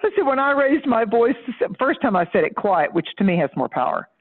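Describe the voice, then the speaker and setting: A woman psychic tells a story as a guest, lively and emphatic, breaking into laughs mid-sentence. Her voice comes through a narrow, tinny phone line. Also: on the high side, fairly quick. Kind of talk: animated anecdote-telling in casual chat. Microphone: phone or call line.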